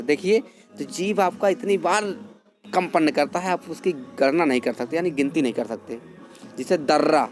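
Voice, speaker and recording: A man's voice: on the high side, darkish tone. A man teaching Hindi grammar, explaining step by step and asking and answering his own questions. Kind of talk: classroom lesson.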